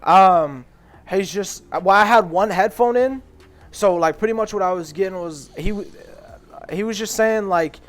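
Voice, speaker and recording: A young man co-hosting a casual podcast, telling a rambling, profane story and loudly acting out the people he quotes. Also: high-pitched, normal speed. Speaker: podcast co-host.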